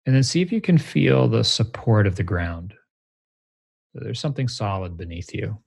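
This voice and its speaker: A man with a fairly low voice leads a grounding exercise as a meditation teacher. His delivery is gentle and measured, in short phrases, with a creaky, husky grain. The sound is dry and close. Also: animated, no room sound. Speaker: meditation teacher, interview guest.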